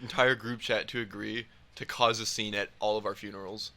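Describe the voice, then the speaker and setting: A man's voice: fairly low pitch, steady tone, a little fast, pushed and bright. A young man in casual podcast chat, joking around and quoting memes. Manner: joking, silly, sings and quotes memes. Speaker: podcast co-host.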